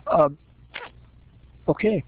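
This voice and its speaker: A man conducting an interview, asking questions in a measured way with pauses. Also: no room sound. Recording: dull lo-fi recording.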